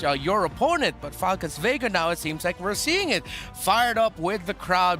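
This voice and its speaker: Man, esports caster, high bright forceful voice, live commentary, faint music behind.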